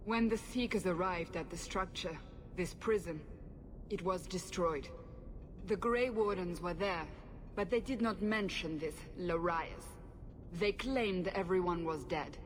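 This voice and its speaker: A woman's voice: lowish voice, measured pace, close to an everyday voice. A stern woman investigator, voiced by a woman, probing and skeptical. A faint ambient hum sits behind her, as in a fantasy video game.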